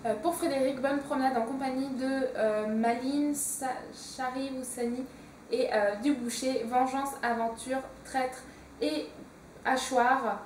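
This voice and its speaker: A woman's voice: high voice, fairly even intonation, a little slow, darkish tone, far from the mic, a little hiss or hum. A young woman chatting casually as a book vlogger, hesitant and full of fillers. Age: young adult. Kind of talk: casual chat. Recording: echoey room, a bit off-mic.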